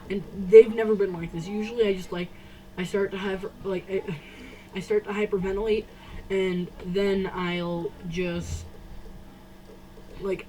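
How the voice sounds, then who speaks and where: A teenage girl telling a personal story to camera, halting, with many restarts and fillers. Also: mid-range voice, mellow, distant mic, a little hiss or hum, rough recording. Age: teens. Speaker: vlogger. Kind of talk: casual storytime.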